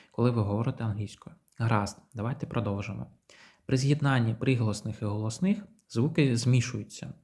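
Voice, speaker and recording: A man teaching English pronunciation to beginners, explaining patiently and modelling English phrases slowly for repetition. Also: medium pitch, darkish tone. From Ukraine.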